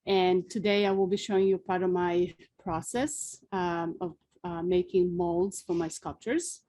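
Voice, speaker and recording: Speaking outdoors, a Serbian sculptor in her forties gives a careful, unhurried webinar presentation in a Serbian accent, with frequent fillers. Her voice is fairly low and mellow, with fairly even intonation.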